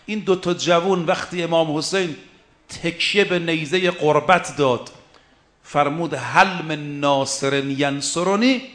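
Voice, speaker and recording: A man preaching a religious sermon, driving his points home in short rhythmic lists and slowly intoning Arabic verses. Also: a little high, a bit bright.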